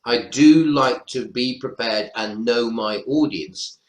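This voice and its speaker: This man, a lecturer from North Wales with the accent to match, talks slowly in a mid-range voice about how he teaches. He's a panelist on an online webinar, speaking from an indoor room, and the audio sounds roomy and echoey.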